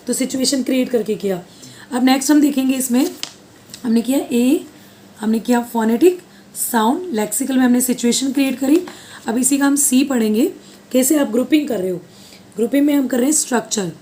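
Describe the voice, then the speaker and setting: Lady teaching, warm voice a bit high, keeps asking then answering her own questions. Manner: repeats questions to the class and answers them; mixes Hindi with English terms. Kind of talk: recorded lecture.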